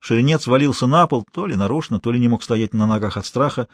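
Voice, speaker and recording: A man narrating an audiobook in an expressive, dramatic storytelling manner. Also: medium pitch, fast, no echo.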